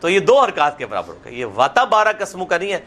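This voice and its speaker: A middle-aged man teaching prayer pronunciation, explaining each sound and then reciting slowly so the listeners can repeat after him. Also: fairly high pitch, wildly swooping pitch, a bit bright. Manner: slips into Punjabi asides. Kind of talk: classroom lesson with slow drawn-out recitation.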